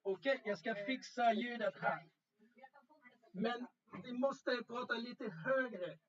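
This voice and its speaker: A man teacher coordinating students in a rehearsal, giving brisk, hurried instructions with frequent restarts. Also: extremely high pitch. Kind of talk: instructing students, mixing Swedish and English. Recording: lo-fi, distant from the mic.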